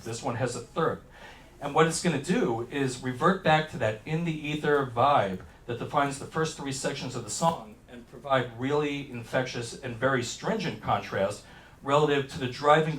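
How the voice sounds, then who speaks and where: A man's voice: mid-range voice, echoey room, far from the mic, poor audio. A man giving an enthusiastic classroom lecture that breaks down how a hit song is built. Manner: explanatory, enthusiastic, talks over music examples. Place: lecture hall. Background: song excerpts playing faintly.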